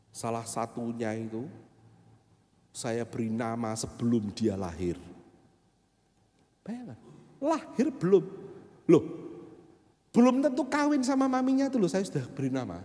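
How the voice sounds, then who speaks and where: A middle-aged male pastor, giving a sermon as an animated, jokey story at the pulpit. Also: medium pitch. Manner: animated, acts out voices, jokey. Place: church, at the pulpit. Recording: echoey church hall.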